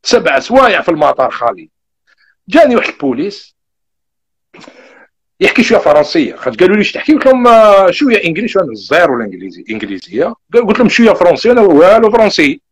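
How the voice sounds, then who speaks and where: Fast-talking husky Algerian man. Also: high voice. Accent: Algerian Arabic. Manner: animated, rapid retelling with quoted back-and-forth. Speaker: vlogger telling his migration story. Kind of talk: casual storytelling.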